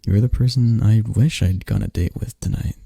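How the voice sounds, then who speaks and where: Lowish and creaky with a breathy edge, the voice belongs to a young ASMR roleplay performer speaking at normal speed, no room sound. Playing a close friend, he keeps up a lively, chatty one-sided conversation from a script.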